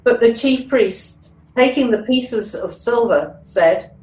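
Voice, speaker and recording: Higher-voiced woman narrating in echoey room. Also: animated, slow, a little mellow. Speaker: narrator, church member reading. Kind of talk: scripture reading, narration.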